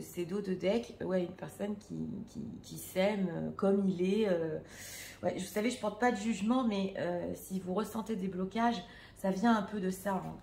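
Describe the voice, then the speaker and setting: A woman's voice: fairly low pitch, vocal fry, mellow, echoey room, slight background noise. A French-speaking woman reading tarot cards for her viewers in a casual, hesitant way, full of fillers and restarts. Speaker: tarot reader.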